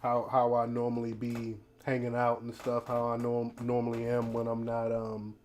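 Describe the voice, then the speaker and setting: A man's voice: medium pitch, monotone, normal speed, darkish tone. An American man hosting a laid-back, casual commentary livestream, his speech slightly impeded by a teeth grill. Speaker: host of a news commentary livestream. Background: ambient noise, storm outside.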